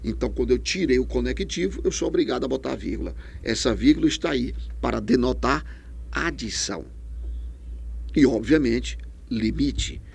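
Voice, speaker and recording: Gravelly Brazilian man teaching grammar. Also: mid-range voice, normal speed. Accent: Brazilian Portuguese. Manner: questions and answers himself, lively emphatic. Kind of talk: distance-learning grammar lecture.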